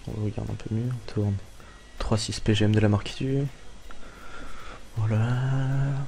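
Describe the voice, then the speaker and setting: A man giving a casual software tutorial, thinking aloud as he works and talking straight to viewers. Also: lowish voice, steady tone, measured pace, creaky, slight background noise, rough recording. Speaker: tutorial maker.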